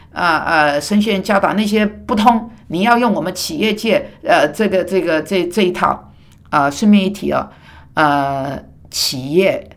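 A woman's voice: on the low side, vocal fry. Chatty Taiwanese-born woman preaching. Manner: animated, chatty asides with many fillers. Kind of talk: sermon.

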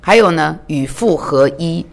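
Earnest woman preacher, slightly low voice. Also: lively intonation, measured pace, creaky. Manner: earnest, asks the listeners many rhetorical questions. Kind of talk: sermon.

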